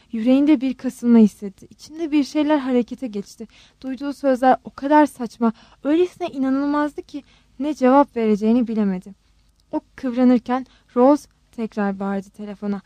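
A woman narrates a novel in a high, clear voice with dramatic, measured pacing. The sound is dry and close, with no room around it. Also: dark tone, dry recording. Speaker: audiobook narrator. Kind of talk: expressive scripted narration.

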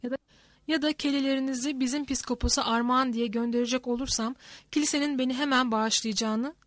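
A woman's voice: sits high, fairly even intonation, fast, no room sound, studio quality, close to an everyday voice. Woman reading as a scheming, menacing nobleman.

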